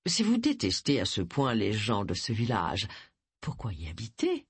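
A reader voicing Charles, a suave man who speaks in a honeyed, unhurried tone. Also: medium pitch, huge pitch swings, slightly rough, no echo, voice pushed down, exaggerated voice. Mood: sly. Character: suave man, smooth and sly.

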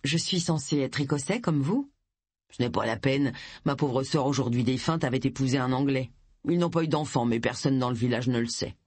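A narrator voicing an elderly woman who answers quickly and eagerly. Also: medium pitch, darkish tone, husky, no room sound, pitched below the performer's own voice, natural voice. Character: elderly woman, chirpy village lady.

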